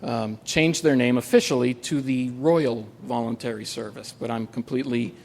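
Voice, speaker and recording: A man tells a personal story on stage at a live storytelling event. His humor is wry and understated, and he pauses on frequent "uh" fillers. His voice sits at a middle pitch for a man. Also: fairly even intonation, gravelly, a little hiss or hum. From United States.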